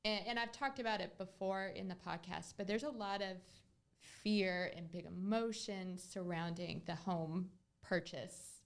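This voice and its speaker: A woman's voice: medium pitch, unhurried, gravelly. A woman hosting a podcast, talking casually and earnestly as she tells a client story. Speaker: podcast host, real estate agent.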